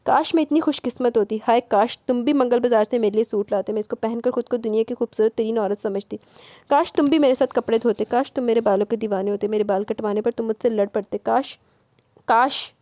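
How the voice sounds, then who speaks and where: A woman reading as a heartbroken wife, tearful, pleading, slightly high voice. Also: dark tone, dry recording, lightly acted. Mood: grieving. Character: heartbroken neighbor wife, grieving and regretful.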